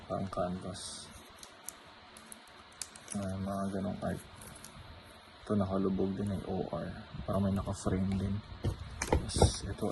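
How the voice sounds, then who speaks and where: A man showing off his trading cards in a casual, chatty way, often checking in with the viewer. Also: sits low. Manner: chatty, tags many sentences with "no?". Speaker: trading card vlogger. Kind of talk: casual card showcase. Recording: clear background noise.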